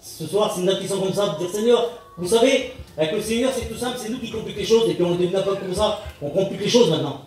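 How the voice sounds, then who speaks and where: A man with a high voice preaches a sermon in plain, halting words, stumbling and restarting as he calls on the Lord. He stands well back from the microphone, and the sound bounces heavily around a large hall. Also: darkish tone, a little hiss or hum. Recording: echoey hall, speaker far from mic.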